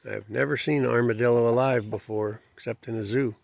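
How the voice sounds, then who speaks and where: Gravelly folksy man outdoors. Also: mid-range voice, a little fast, dry recording. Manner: relaxed, folksy, talks to animals. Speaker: homestead vlogger. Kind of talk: casual narration while filming. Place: outdoors in a farmyard by a shed. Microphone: phone camera held by the filmer. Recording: dull lo-fi phone audio outdoors.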